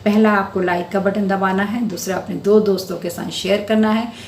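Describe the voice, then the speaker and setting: A woman's voice: medium pitch, steady tone, normal speed, darkish tone, echoey room, slight background noise. A woman teacher patiently explaining a school Hindi lesson to children, step by step. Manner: addresses students affectionately as beta.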